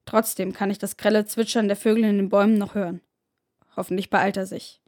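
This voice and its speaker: A woman narrating a first-person story in a steady, measured audiobook reading. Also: medium pitch.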